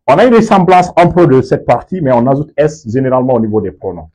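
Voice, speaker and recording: A man teaching an English lesson in French, drilling words with slow, deliberate repetition and frequent check-ins. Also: medium pitch, expressive, darkish tone, breathy edge, poor audio. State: sweaty, just came from the sports field. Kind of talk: video lesson, explaining in French with English examples.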